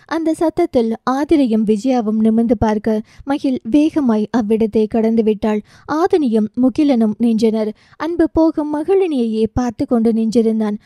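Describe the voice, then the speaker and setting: A woman reading a romance novel aloud as an audiobook narrator, in steady, even storytelling. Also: a little high, normal speed, no room sound, clean studio sound.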